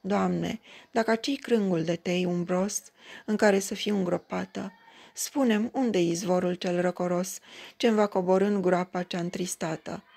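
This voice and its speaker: A woman reading a fairy tale aloud, voicing a frightened young wife who pleads slowly for mercy. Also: on the low side, steady tone, creaky, a little mellow. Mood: prayerful.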